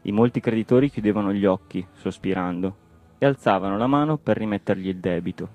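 A man narrating a story in a measured, expressive reading. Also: lowish voice, dull audio, faint music behind.

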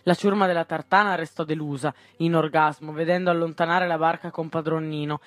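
A man with a somewhat high voice reads a literary short story aloud. The sound is dry and close, with no room around it. He often trips on a word and starts it again. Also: fairly even intonation, fairly quick, no room sound, soft background music. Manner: stumbles and corrects himself mid-word. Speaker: reader.

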